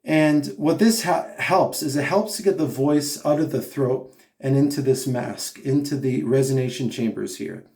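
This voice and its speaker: A man's voice: medium pitch, normal speed, gravelly, few pauses, darkish tone, echoey room. A man teaching singing, giving patient step-by-step instruction with short hummed and sung examples. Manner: patient, explanatory, with sung demonstration notes. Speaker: vocal coach. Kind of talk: singing lesson, spoken instruction.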